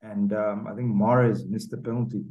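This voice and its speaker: Zambian-born guy in his forties, kinda low voice, lots of ums, being interviewed. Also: fairly even intonation, moderate pace, muffled recording. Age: 40s. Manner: hesitant, many ums and uhs. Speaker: guest author. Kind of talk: casual interview chat. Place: home, South Africa.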